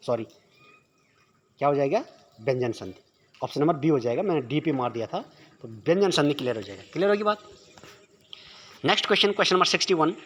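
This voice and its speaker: A man's voice: on the high side, breathy edge. A man teaching exam prep questions, who keeps asking rhetorical questions and answering them himself.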